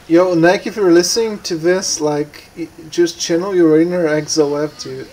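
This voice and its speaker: A man's voice: a little high, fairly even intonation, a little slow, background noise. A tipsy man co-commentating a fighting game match, trading laid-back jokes. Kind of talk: casual commentary banter.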